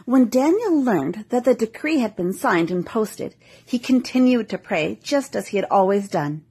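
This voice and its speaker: A woman narrating a scripted story for listeners in an even, read-aloud way. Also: a little high, normal speed, breathy edge.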